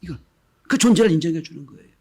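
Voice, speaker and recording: A middle-aged man preaching a Sunday sermon as pastor, often dropping into gentle quoted speech and then rising loud again. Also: a little high, animated, racing, husky. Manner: acts out gentle quoted speech, swings between soft and loud.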